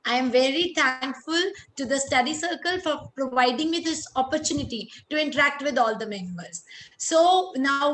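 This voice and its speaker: Speaking in a high, somewhat bright voice, a woman lecturer who is a chartered accountant addresses webinar listeners directly in an interactive session. Her North Indian-accented English includes some Hindi, and the recording carries roomy echo and clear background noise.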